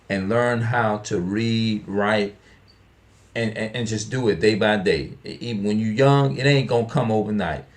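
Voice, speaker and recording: Low-voiced man in his forties, emphatic. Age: 40s. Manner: repetitive, emphatic, rhetorical questions; stumbles and restarts often. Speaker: online video speaker. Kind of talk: unscripted monologue.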